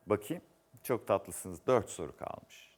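A man's voice: fairly low pitch, lively intonation, takes it slowly, slightly rough. A man hosting a word quiz show, reading clues aloud and teasing the contestant in a playful way. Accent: Turkish. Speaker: game show host.

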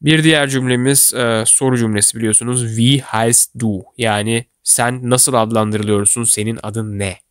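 A man walks learners through everyday German phrases. His voice sits at an ordinary middle pitch. The recording is dry and close, with no room echo, and he says each model phrase slowly and carefully. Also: fairly even intonation, clear, resonant tone. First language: Turkish. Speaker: German language teacher. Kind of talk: instructional explanation for learners.

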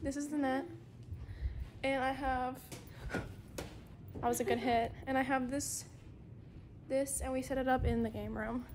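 High-voiced chatty teen girl vlogging. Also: steady tone, unhurried, pauses often, darkish tone, a little hiss or hum. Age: teens. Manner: chatty, rambling, giggly. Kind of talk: casual diary vlog.

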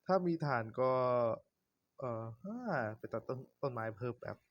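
A man's voice: mid-range voice, expressive, moderate pace, muffled recording. A young man giving casual, swear-laced commentary while playing a survival game, talking to himself as he goes. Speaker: gaming YouTuber. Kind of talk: casual Minecraft let's-play commentary.

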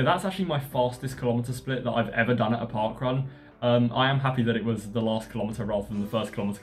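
A man talking casually about his running training in a relaxed, rambling way with lots of fillers. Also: medium pitch. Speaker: running vlogger. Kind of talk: casual vlog narration.

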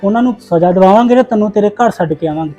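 Man playing a calm, reassuring village man. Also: high-pitched, racing, faint music behind. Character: calm village man sheltering the young wife. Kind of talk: village family drama acting.

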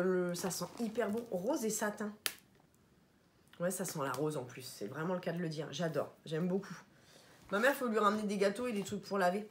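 A woman's voice: medium pitch, a little hiss or hum. Chatty French-speaking woman vlogger at home. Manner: chatty, animated, stumbling over English product words. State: tired. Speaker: vlogger showing a shopping haul. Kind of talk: casual haul vlog chat.

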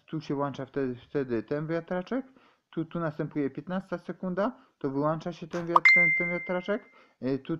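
A man giving a rambling, halting explanation, stumbling over words and restarting often. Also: mid-range voice, lo-fi sound.

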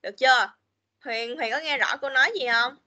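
Casting: woman, children's teacher on a video call, bright, slightly high voice, chatty. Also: fairly quick. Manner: chatty, repeats "rồi", mixes English words into Vietnamese. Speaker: English teacher. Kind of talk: online class teaching children.

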